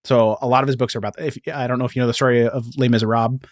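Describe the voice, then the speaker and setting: This podcast host talks rapid-fire in a level, mid-range voice, telling informal stories that explain film and history. He keeps veering off into asides. The recording is dry and of studio quality.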